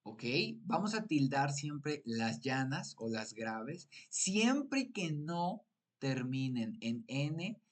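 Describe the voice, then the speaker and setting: A man teaching a live-streamed exam prep lesson, explaining patiently and prompting viewers with repeated questions. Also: mid-range voice. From Mexico.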